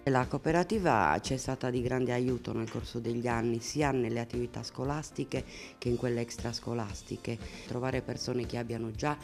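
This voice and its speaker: Man, documentary testimony, plenty of vocal fry, light music underneath. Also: medium pitch, fairly even intonation, moderate pace, few pauses. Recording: faint music behind.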